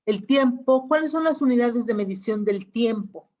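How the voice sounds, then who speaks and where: A woman's voice: fairly high pitch, normal speed, a little mellow. Woman, teacher, online class lecture, patient explaining, muffled lo-fi audio. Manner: explains patiently, checks understanding with frequent questions. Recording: dull lo-fi audio.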